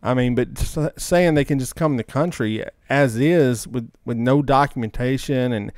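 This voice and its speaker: A man co-hosts a casual, opinionated podcast in a mid-range, slightly mellow voice at a moderate pace. He is emphatic and slangy, often repeating himself to press a point, and the recording is studio quality with no echo.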